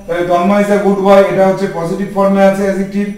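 A man's voice: high-pitched, flat delivery, quick pace, a little mellow. Man teaching from afar. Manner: asks the class questions and answers them himself. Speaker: English teacher. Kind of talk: spoken grammar lesson. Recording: echoey room from far off.

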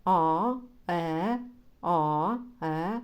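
A woman reading aloud and voicing a naive, hot-tempered bourgeois man who exclaims eagerly and protests loudly. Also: on the low side, very slow, clear, resonant tone, dull audio. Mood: delighted. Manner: excitable, loud, exclaiming.

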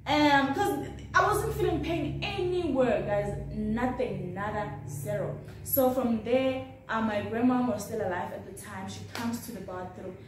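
A young woman telling a storytime vlog, chatty and animated, acting out her own reactions. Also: a little high, a little slow, few pauses. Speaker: vlogger. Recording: echoey room, mic at a distance, faint background noise.

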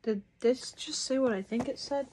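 A woman's voice: high-pitched, normal speed, darkish tone, a little hiss or hum. A woman doing casual unboxing commentary at home, chatty and wry, sometimes talking while chewing. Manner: chatty, wry, bursts of mock outrage. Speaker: unboxing vlogger.

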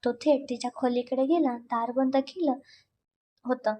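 Woman reading out a romance story, steady and expressive, slightly high voice. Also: measured pace, slight background noise. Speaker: narrator. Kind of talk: scripted story narration.

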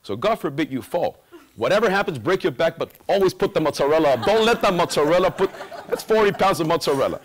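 A Guatemalan student tells humorous stories in a stage talk in a large auditorium, animated and gesturing. His voice is fairly high and his pace quick.

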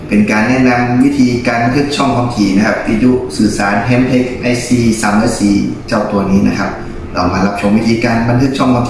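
A man presenting a step-by-step tutorial in a polite, instructional manner. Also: medium pitch. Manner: polite, instructional, frequent courtesy particles. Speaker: presenter of a radio how-to channel. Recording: echoey room, clear background noise.

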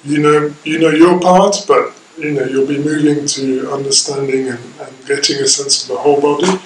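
Middle-aged French man, facilitator, hesitant with fillers, slightly high voice, distant roomy mic. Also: flat delivery, normal speed, a little hiss or hum. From France. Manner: hesitant, many ums and restarts. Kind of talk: recorded video message. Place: sitting room with plant and map, indoors. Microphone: far camera. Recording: roomy audio from a distant camera.

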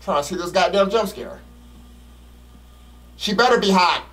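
At a normal speed and recorded from afar, a man streams himself playing a horror game. He swears and uses slang freely in casual commentary, griping bluntly, sometimes muttering and sometimes letting out loud, high-pitched exclamations.

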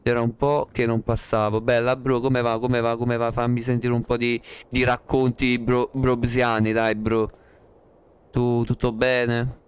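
A man's voice: mid-range voice, flat delivery, moderate pace, hardly any pauses, clean tone. A man live-streaming a game, chatting with viewers in a playful, joking, slangy way, repeating himself, speaking close to the microphone. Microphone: close to the mic.

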